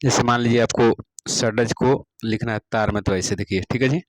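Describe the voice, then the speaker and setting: A man teaching music, reading out practice exam questions and their answers one by one, repeating each question and adding a steady "all right" after each answer. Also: medium pitch, fairly quick, no echo, rough recording. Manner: repeats each question, fills with "theek hai ji".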